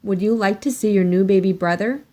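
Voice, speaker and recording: A woman voicing a mother in a children's story, soothing and gently chiding in a sing-song way. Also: mid-range voice, a little fast, natural voice. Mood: placating. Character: placating mother of a small girl, gently chiding.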